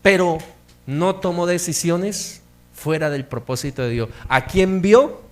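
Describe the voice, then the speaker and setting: A man's voice: sits high, measured pace. A middle-aged male pastor preaching a sermon in a church hall, rising into emphatic bursts as he speaks.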